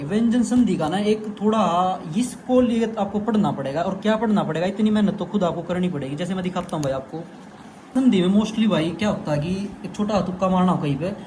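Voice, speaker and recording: A young man with a high-sitting, slightly mellow voice teaches a casual exam-prep lesson, chatting freely and often calling the viewer "bhai," or brother. There's slight background noise.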